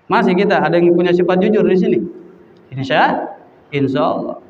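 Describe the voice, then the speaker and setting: A man with a Betawi accent giving a casual, jokey sermon, telling a folksy story with loud acted cries. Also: sits high, expressive, brisk. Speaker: preacher. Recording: roomy hall from far off, dull sound.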